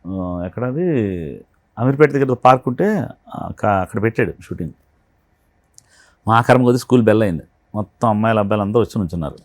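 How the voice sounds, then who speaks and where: A man, a film art director, telling animated stories from a film shoot in an interview and acting out the dialogue. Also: fairly low pitch, fast talker, pauses often, no echo. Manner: animated storyteller who acts out quoted dialogue. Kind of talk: anecdotal interview storytelling.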